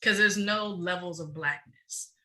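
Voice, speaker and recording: A woman's voice: on the low side, pushed and bright, poor audio. A middle-aged woman speaking passionately and emphatically as a guest in a podcast interview. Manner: passionate, emphatic, fast-flowing. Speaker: guest, researcher.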